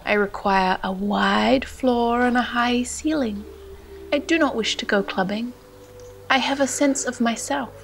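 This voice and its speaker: A Canadian woman narrating a travel vlog in a gentle, hushed voice that sometimes drops to a whisper, and reading poetry aloud. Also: a little high, unhurried, creaky, soft background music. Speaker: vlogger. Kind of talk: soft-spoken voice-over narration and poetry reading.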